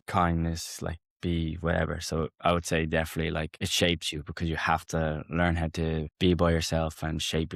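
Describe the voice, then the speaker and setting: A man's voice: extremely low pitch, vocal fry, no echo, clean studio sound. A young Irish man, a rugby player, talking casually as an interview guest, rambling with many fillers and restarts. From Ireland. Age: young adult.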